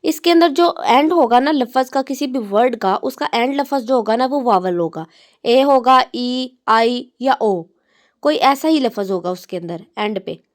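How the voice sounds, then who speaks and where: A woman teaching English to learners, patiently explaining and drawing out example words slowly while mixing English terms into her speech. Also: on the high side, animated. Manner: mixes English terms into Hindi-Urdu speech. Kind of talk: classroom explanation.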